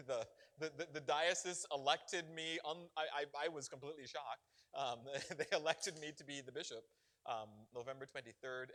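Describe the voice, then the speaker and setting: At a parish Q&A, a middle-aged bishop from Barbados answers in a medium-pitched voice. He preaches his points with lively emphasis and breaks into frequent laughter.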